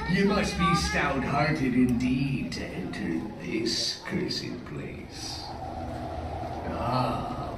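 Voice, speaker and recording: An actor playing a gruff, menacing old salty pirate with a gravelly voice and stage pirate accent, in a theme park attraction. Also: male voice, fairly high pitch, full character voice. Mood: sly, foreboding. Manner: gruff old seafarer, slow, theatrical, archaic pirate talk. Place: indoor theme park show room. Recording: echoey, noisy on-site attraction recording, distant.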